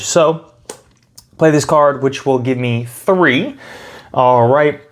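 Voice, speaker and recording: Man thinking aloud through a tabletop game. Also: mid-range voice. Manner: thinks aloud while explaining step by step. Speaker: host explaining and playing a card game. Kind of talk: casual tabletop game walkthrough.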